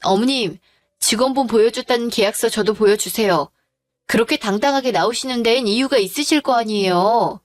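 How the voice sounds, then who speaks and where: A woman's voice: a little high, brisk, dry recording, close to an everyday voice. A woman voicing an angry wife who firmly confronts her husband and in-laws in a dramatized story. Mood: stern. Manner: firm, demanding, accusing.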